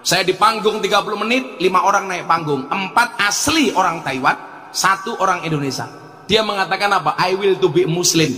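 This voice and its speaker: A man's voice: high voice, a little fast, sharp tone, echoey room, long reverb tail. A man with a Javanese accent giving a humorous sermon, telling stories with jokes and switching into Javanese and broken English. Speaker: preacher. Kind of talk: humorous religious sermon to a crowd.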